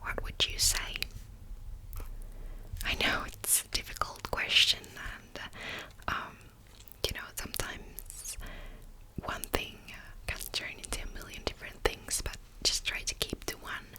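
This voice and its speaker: Woman playing a whispering therapist, actively listening. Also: rough recording. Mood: patient, attentive. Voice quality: breathy unvoiced whisper. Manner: active listening, gentle probing questions with pauses. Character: attentive, patient female psychologist in a therapy session. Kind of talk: whispered role-play.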